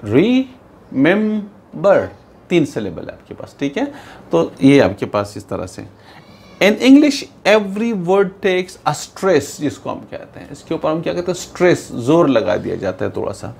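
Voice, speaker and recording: A man teaching an English lesson, reading English slowly and explaining in Urdu-Hindi to his pupils. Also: fairly high pitch, sing-song, creaky, darkish tone, slightly rough. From Pakistan. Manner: addresses pupils as "beta", repeats "theek hai". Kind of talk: bilingual classroom lesson.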